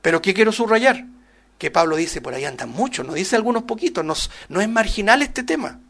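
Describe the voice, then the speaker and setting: Male preacher, high voice, punchy emphatic sermon delivery with rhetorical questions to the congregation. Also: very animated, a little fast. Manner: emphatic, rises loud on scripture quotes, drops soft on asides; addresses listeners as "hermano", many rhetorical questions. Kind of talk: sermon, Bible study.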